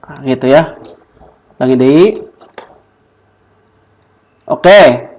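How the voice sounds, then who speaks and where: Slow, patient man teaching a class. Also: mid-range voice, darkish tone, low-quality recording. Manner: slow, drills class with repeated questions. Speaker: Quran Arabic teacher. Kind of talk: classroom lesson.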